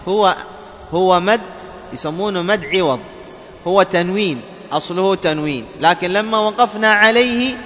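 A man teaching Quran recitation rules. He keeps checking "clear?" with his students and chants example words slowly. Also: sits high, pushed and bright, a little hiss or hum. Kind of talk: tajweed lesson. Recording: dull recording with long hall reverb and faint ambience.

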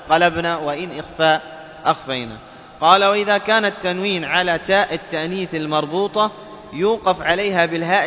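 High-voiced male tajweed teacher in a hall. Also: pushed and bright, a little hiss or hum. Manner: asks the class "clear?" checks, then demonstrates by chanting words slowly. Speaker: Quran recitation teacher. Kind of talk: tajweed lesson. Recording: dull recording with long hall reverb and faint ambience.

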